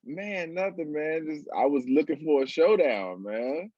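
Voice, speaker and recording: Joking man on a husky video call. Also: fairly high pitch, expressive, darkish tone, no echo, dull audio. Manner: joking, laughing, quick asides. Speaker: co-host joining by video call. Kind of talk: casual chat.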